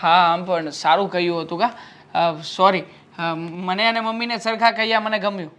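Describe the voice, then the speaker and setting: A calm, placating husband. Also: male voice, high voice, moderate pace, clear, resonant tone. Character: patient husband caught between wife and mother.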